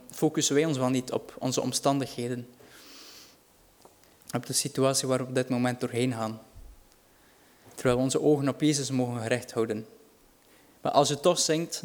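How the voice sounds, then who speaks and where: A man's voice: mid-range voice, a little mellow. A man preaching a sermon, earnest and reassuring, rising in volume for dramatic quotes.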